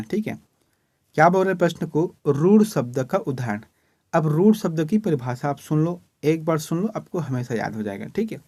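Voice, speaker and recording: A man's voice: mid-range voice, warm tone, dry recording. A male teacher from Chhattisgarh, India, walking through exam questions step by step and often checking in with "okay". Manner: explains step by step, repeating "ठीक है". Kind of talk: exam-prep lesson.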